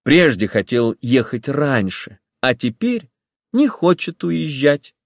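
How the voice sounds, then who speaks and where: A man lends his voice to a patient, gentle young woman in a storybook reading, lifted somewhat above his natural pitch. She speaks evenly and softly, with a lively lilt. Dry, close sound. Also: dry recording, heavily acted. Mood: calm. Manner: soft, measured, reasonable. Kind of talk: audiobook character voice.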